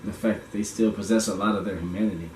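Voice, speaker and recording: A man's voice: on the low side, fairly even intonation, fast. A man hosting a casual movie review chat, laid-back and slangy, laughing often. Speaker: podcast host. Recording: echoey room, mic far off, faint noise.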